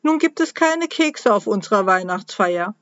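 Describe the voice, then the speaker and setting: A woman's voice: medium pitch, lively intonation, normal speed, a bit bright, no room sound, lightly acted. A woman voicing a small, frightened male Christmas elf who is a royal cook, whining and fretting as he talks, in a dull, dry recording. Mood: rambling worried. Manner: whiny, fretful, jumpy.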